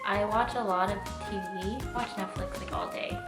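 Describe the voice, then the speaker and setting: This Orange County woman in her twenties, a nurse who also vlogs about travel, keeps her Q&A chat informal and emphatic. Her mid-range voice holds a fairly even intonation at normal speed. She's recorded in an echoey room with faint music.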